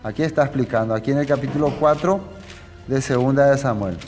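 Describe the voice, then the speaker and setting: A man's voice: medium pitch, a little fast, darkish tone, big-room sound, soft background music. A man teaching a Bible passage in a conversational sermon, often checking with his listeners. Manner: conversational, asks the audience "¿no?" often. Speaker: preacher.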